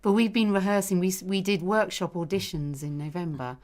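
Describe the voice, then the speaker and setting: A woman conductor talking enthusiastically in a radio studio interview, with frequent quick restarts. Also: on the low side, darkish tone. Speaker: opera conductor.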